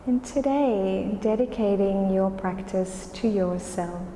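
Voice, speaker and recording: Slow, mellow woman guiding yoga. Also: mid-range voice. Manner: calm, soothing, unhurried. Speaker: yoga instructor. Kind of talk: guided yoga class instruction. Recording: roomy, reverberant space with faint noise.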